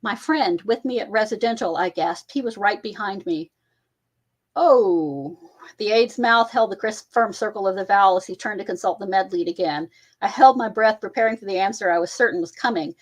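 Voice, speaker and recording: A woman's voice: medium pitch, low-quality recording. Woman reading her novel aloud. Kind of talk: first-person fiction reading.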